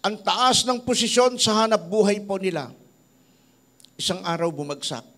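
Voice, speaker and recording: A man's voice: high voice, normal speed. A middle-aged man from the Philippines, a pastor preaching a sermon and telling stories about people he has met, acting out their words. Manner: tells stories in a lively voice, quoting people he met. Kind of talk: sermon with storytelling.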